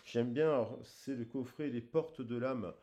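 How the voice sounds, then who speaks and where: A man giving a casual oracle card reading, speaking hesitantly with frequent filler pauses and gentle advice. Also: mid-range voice. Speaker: tarot card reader.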